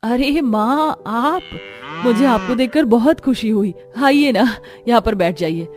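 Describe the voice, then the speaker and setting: A woman's voice: medium pitch, moderate pace, faint music behind, close to an everyday voice. A woman playing a loyal, hardworking village daughter. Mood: caring. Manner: caring but firm, scolding when angered. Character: poor hardworking young daughter, warm and loyal.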